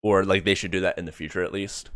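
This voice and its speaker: Quick-paced and smooth, this deep male voice has fairly even intonation and a fairly bright tone, captured in a dry, studio-quality recording. The speaker is a streamer reviewing an animated comic, offering rambling reaction commentary full of trailing self-corrections.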